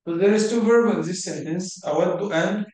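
A man teaches grammar at a slow, unhurried pace, his fairly high voice explaining each point patiently. He switches between English and as he goes. The sound rings heavily around a very echoey room. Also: darkish tone. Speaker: Arabic teacher. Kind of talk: grammar lesson.

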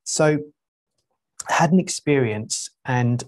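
A middle-aged man, a spiritual teacher, speaking to a group in an unhurried, reflective way with frequent pauses and 'um's. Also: medium pitch.

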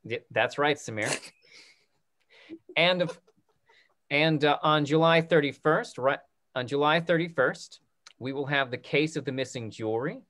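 A man in his thirties, an instructor hosting a theatre talkback, makes informal announcements from an indoor room over a video call computer mic. His fairly bright, slightly high voice moves at a measured pace with frequent pauses, sounding encouraging yet a little hesitant.

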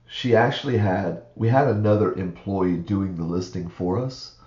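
An online reseller vlogger rambles through a casual screen-share walkthrough in a froggy, groggy morning voice, using many fillers. His voice sits low with a darkish tone, and the recording is reverberant with the highs cut off.

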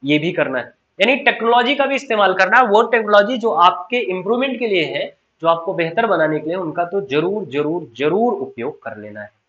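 A man's voice: high voice, expressive, brisk, few pauses, a bit bright. Earnest Indian man teaching English, lo-fi. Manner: earnest, encouraging, repeats key points. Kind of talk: online class lecture mixing Hindi and English. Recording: slightly dull lo-fi sound.

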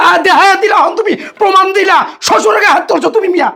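A man playing a shrill scolding father-in-law. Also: rapid-fire, gravelly, sharp tone, raised voice, full character voice. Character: older father-in-law, indignant village elder. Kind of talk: Bangladeshi short drama acting.

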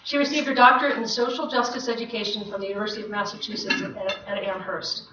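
A woman's voice: mid-range voice, fairly even intonation, fast talker, a crowd in the background. A woman hosting an event reads out a formal speaker introduction. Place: large, full seminar room. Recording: echoey, noisy, distant, slightly muffled room recording.

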